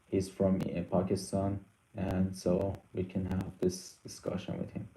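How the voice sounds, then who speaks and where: A young man who grew up speaking Persian runs a casual live Q&A, reading viewer questions aloud and answering haltingly with lots of ums and false starts. His slightly low, mellow voice is delivered completely flat, and the room echoes noticeably.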